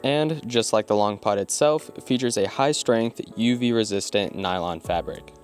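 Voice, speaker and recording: A man's voice: on the low side, normal speed. A man presenting a video product review in an explanatory, informal way, part scripted and part casual. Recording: background music under the voice. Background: music.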